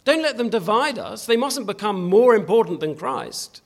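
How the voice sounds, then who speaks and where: A man's voice: sits high, big pitch swings, moderate pace, vocal fry. A man preaching a sermon in a church, earnest and emphatic, often restarting his phrases as he exhorts the congregation.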